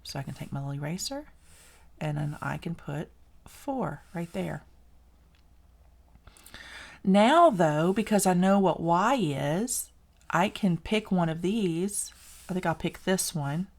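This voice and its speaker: A woman's voice: on the low side, expressive, slow pace, pauses often, a little mellow. A woman with a Southern US accent teaching a casual recorded algebra lesson, chatty and encouraging, correcting herself as she works. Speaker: math teacher.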